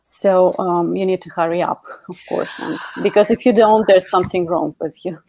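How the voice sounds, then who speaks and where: A woman from the Soviet Union hosting a panel discussion, speaking thoughtfully with many pauses and fillers. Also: on the low side, steady tone, gravelly, a little mellow, slight background noise, poor audio. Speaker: panel host.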